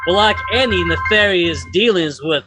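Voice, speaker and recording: A man playing an old-West general store keeper, telling a spooky legend in a halting, folksy, theatrical way. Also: sits high, expressive. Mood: eerie, ominous. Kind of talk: improvised Western campfire storytelling. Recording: music behind the voice.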